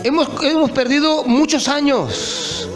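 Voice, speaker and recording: A man's voice: extremely high pitch, animated, measured pace, over music. A man preaching an impassioned sermon, often calling out to his listeners as brothers.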